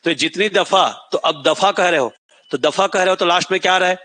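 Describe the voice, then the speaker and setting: In a high, slightly fast voice that sounds pushed and bright, a middle-aged coaching teacher dictates notes during a classroom lecture. He repeats key words, keeps checking whether students remember, and sings a line from a film to illustrate a point.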